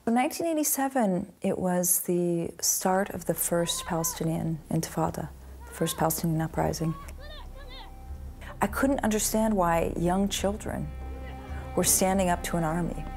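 A woman's voice: on the low side, moderate pace, a little mellow. A middle-aged woman recalling her own life in a documentary interview, recorded indoors on a close mic. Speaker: lawyer interviewee. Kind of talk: documentary interview, personal recollection. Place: small indoor room with bookshelves. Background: music.

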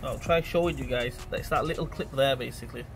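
A mid-range male voice with vocal fry moves at a slightly fast clip over soft background music. His nose sounds congested as this mechanic chats informally to "you guys" during a car repair video. The phone recording him is held close to the engine while he offers how-to commentary on the job.

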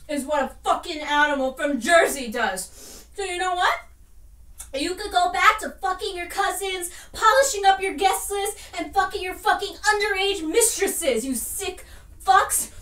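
Volatile young female starlet played by a woman, New York Queens accent, swaggering, profane, bright tone, echoey room. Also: very high-pitched, distant mic. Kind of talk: dramatic film monologue.

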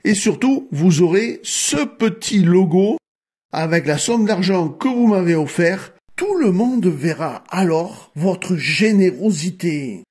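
A man's voice: sits high, lively intonation, takes it slowly, a little mellow, slightly rough. A man hosting his own coin collecting channel, friendly and instructive, explaining things to viewers step by step.

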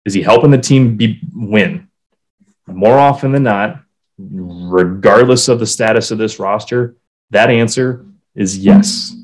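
In this laid-back hockey podcast, a male co-host talks at a measured pace in a fairly low voice. He gets animated, curses freely, and reads quotes out loud.

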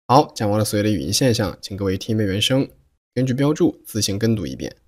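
A man teaching English pronunciation, explaining slowly and carefully and reading example sentences aloud. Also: on the low side, lively intonation, a little mellow. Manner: slow, careful demonstration of sounds.

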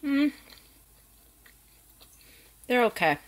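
A woman in her thirties chatting casually while filming herself in her kitchen, thinking out loud as she goes. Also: fairly high pitch, big pitch swings, drawn-out words, a little hiss or hum. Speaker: family vlogger. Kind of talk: casual vlog chat. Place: home kitchen. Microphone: handheld camera at arm's length.

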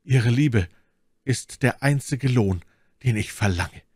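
A man's voice: medium pitch, slow, a little mellow, breathy edge, dry recording, clean studio sound, voice pushed up. A man reading an audiobook, voicing a bold, passionate young swordsman with ardent declamation. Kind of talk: audiobook character voice.

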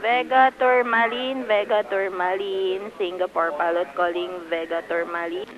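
A woman answers ships over a marine VHF radio, handing out call signs and instructions in short, set phrases. The sound is thin and tinny, squeezed into a narrow band like a phone line, with her pitch sitting in an ordinary middle range. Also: steady tone, normal speed, crowd noise. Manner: clipped, formulaic radio phrasing. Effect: marine VHF radio transmission. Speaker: pilot station radio operator. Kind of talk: brief radio call procedure.

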